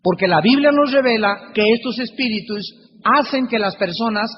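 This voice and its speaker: Male preacher, very high voice, deliberate teaching cadence with repetition; dull lo-fi hall recording. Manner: deliberate, repeats key phrases and slowly sounds out Greek terms. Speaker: preacher teaching a Bible study. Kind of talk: Bible lecture sermon. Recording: dull lo-fi recording in a reverberant hall with faint hiss.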